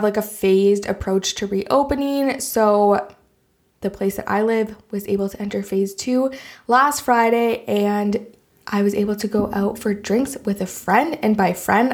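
A woman's voice: mid-range voice, moderate pace. A woman with a Canadian accent hosting a solo podcast in a casual, chatty, enthusiastic and informal way. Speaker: podcast host.

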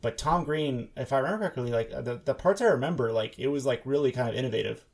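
A man's voice: mid-range voice, fast talker, vocal fry, darkish tone. A man hosting a casual podcast chat from a room in his house, his voice echoey as the sound bounces off a wall; he rambles with many restarts and jokes. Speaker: podcast host.

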